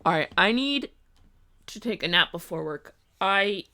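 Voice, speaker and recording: A woman's voice: medium pitch, expressive, unhurried, bright, forceful tone. A tired woman streaming live, chatting casually and thinking aloud with lots of ums and uhs. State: tired, sleepy. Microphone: streaming mic.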